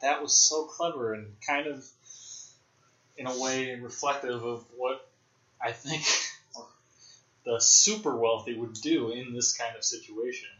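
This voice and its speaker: Young male podcast host, bright and forceful, casual rambling film talk, roomy dull lo-fi audio. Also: medium pitch, a little slow, long pauses, slight background noise. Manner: rambling, speculative, frequent fillers and restarts.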